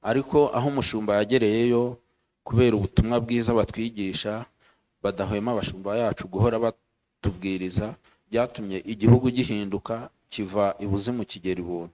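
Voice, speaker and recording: A man from Rwanda shares his faith testimony at church in a fairly low voice. He speaks earnestly in short bursts, stopping after each phrase so it can be translated. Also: fairly even intonation, fast talker, darkish tone. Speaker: church member giving testimony.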